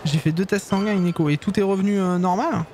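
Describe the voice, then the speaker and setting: A man's voice: sits high, fast, warm tone, slight background noise. A man streaming, chatting casually and teasingly with his viewers in slangy talk.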